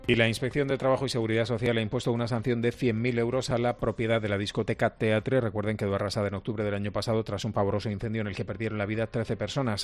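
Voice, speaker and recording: Brisk, low-voiced male radio newsreader. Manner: brisk, steady newsreader delivery. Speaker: news presenter. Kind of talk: regional radio news reading.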